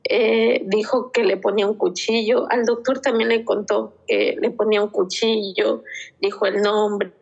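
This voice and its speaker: A woman's voice: medium pitch, fairly even intonation, a little slow, gravelly, slightly rough, dull audio. A woman, an interview guest giving an emotional personal testimony and retelling events through quoted dialogue. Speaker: interview guest, mother of a child victim.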